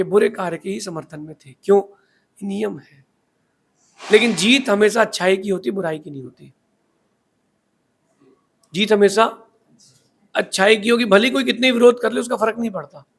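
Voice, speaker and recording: Man preaching, high-pitched voice, rhetorical questions, storytelling sermon. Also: a bit bright. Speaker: spiritual teacher.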